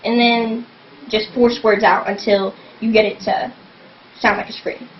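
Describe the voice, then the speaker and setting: Rambling girl with a slightly high voice. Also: little pitch movement, unhurried. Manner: rambling, fills every phrase with "like". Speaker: vlogger teaching scream technique. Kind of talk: casual home tutorial. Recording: dull lo-fi webcam audio, faint hum.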